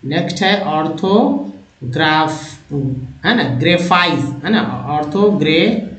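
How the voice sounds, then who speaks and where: A man's voice: a little high, roomy sound, low-quality recording. A man teaching English vocabulary in Hindi, sounding out long words syllable by syllable and repeating them. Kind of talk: reading word list aloud, explaining word parts.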